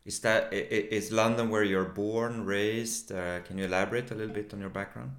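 A man hosting a relaxed interview, giving short encouraging replies and laughing along. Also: fairly low pitch, brisk. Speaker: podcast host. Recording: echoey room.

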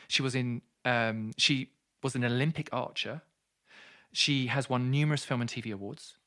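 A man's voice: mid-range voice, normal speed, pushed and bright, no room sound, clean studio sound. A man co-hosting a book podcast, reviewing a memoir with enthusiasm and dropping his voice for serious points. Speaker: podcast co-host.

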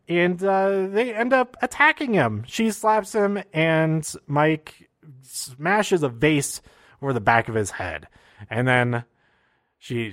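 A man casually recapping wrestling shows, excitable and rambling, with many fillers and restarts. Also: a little high, dry recording, clean studio sound.

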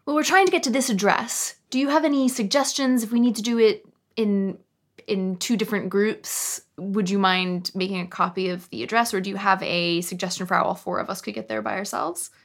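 A woman playing in a tabletop game, with a voice of ordinary pitch. She speaks in a brisk, assertive way while bargaining in character. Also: fairly even intonation. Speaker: player. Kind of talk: casual role-play chat.

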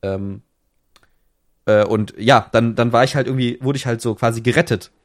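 A man's voice: mid-range voice, fairly even intonation, moderate pace. A young man retelling a close call in casual slangy chat, full of restarts, on a podcast mic. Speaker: podcast co-host.

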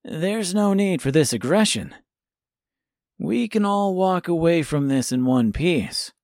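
A man's voice: fairly high pitch, animated, slow, a little mellow, no room sound, clean studio sound, pitched above the performer's own voice. A man voicing a nonchalant, cocky boy swordsman with a breezy, mocking way of talking. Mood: smooth.

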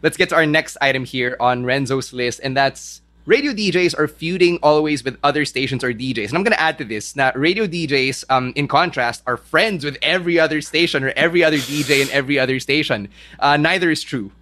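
A man with a Filipino accent, a radio DJ and co-host who explains things in a measured, casual way. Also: a little high, pushed and bright. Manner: measured, explanatory, mixes in Tagalog. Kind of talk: casual chat.

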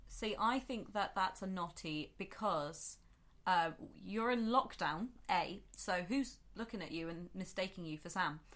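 A woman with a slightly low voice chats on a podcast. She teases the others in a wry, casual way. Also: animated, measured pace, a bit bright. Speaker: podcast co-host. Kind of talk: casual chat.

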